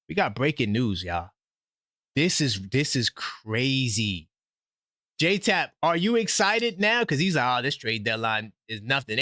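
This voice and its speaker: A man hosting a live sports call-in stream, talking excitedly and breaking in with news for his viewers. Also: fairly high pitch, no echo, studio quality. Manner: animated, breaks in with updates, talks straight to viewers. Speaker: host of a sports call-in livestream.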